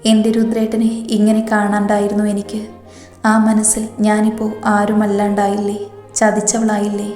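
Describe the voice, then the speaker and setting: A woman's voice: medium pitch, monotone, normal speed, dark tone, roomy sound, in a large hall, faint music behind, close to an everyday voice. A woman reading as Kanmashi, a heartsick young village girl. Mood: tearful.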